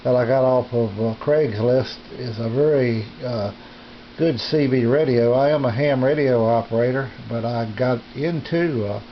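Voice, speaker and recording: A middle-aged or older radio hobbyist with a medium-pitched voice presents his equipment in a small home radio room, in a casual, unscripted show-and-tell. His delivery is halting, hesitant and folksy as he feels out his sentences. The audio comes from a handheld camera's built-in microphone and sounds dull and lo-fi, with faint noise behind him.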